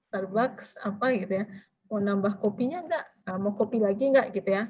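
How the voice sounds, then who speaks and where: A woman teaching a language class, explaining phrases and quizzing her students with drawn-out prompting questions. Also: mid-range voice, darkish tone, slightly rough, dull audio. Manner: switches between explaining and drilling phrases. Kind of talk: interactive classroom lecture.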